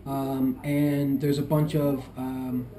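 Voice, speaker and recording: A man giving an unscripted video diary as a patient, talking in a halting, groggy, medicated-sounding way. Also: mid-range voice, flat delivery, dark tone. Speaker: patient recording a recovery vlog.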